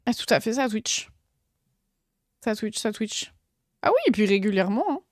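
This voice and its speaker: A woman's voice: medium pitch, animated, moderate pace, dry recording, studio quality. A young woman, chatting casually on a live stream and gushing over her convention finds with lots of fillers. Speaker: streamer showing convention purchases.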